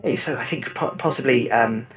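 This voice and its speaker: A man playing a hooded augmented character with a mechanical voice unit, talking through a voice changer in a halting, hesitant way. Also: medium pitch, a bit bright. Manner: halting, hesitant, full of fillers. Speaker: tabletop game player. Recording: echoey, distant, dull with music.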